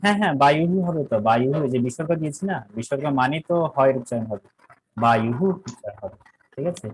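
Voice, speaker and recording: A man's voice: medium pitch, lively intonation, fast talker, a little hiss or hum, low-quality recording. A man giving an online Sanskrit lesson, patient and repeating points, often checking that students follow. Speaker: Sanskrit teacher.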